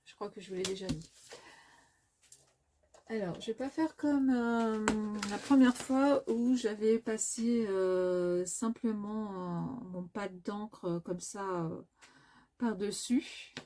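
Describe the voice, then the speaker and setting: A woman's voice: medium pitch, takes it slowly, mellow. Hesitant French-speaking woman demonstrating crafts. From France. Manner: hesitant, many filler sounds, self-correcting. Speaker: crafting video host.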